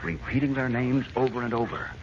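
A man's voice: mid-range voice, expressive, brisk, lightly acted. A man narrating a suspenseful radio adventure serial in portentous 1940s old radio announcer style. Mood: ominous. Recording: muffled old radio recording, faint noise.

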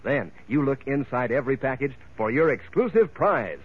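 A man with an American accent doing a folksy, eager 1940s radio announcer's sales pitch to children. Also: sing-song, normal speed, breathy edge. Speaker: commercial announcer. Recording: tinny, phone-like vintage radio recording.

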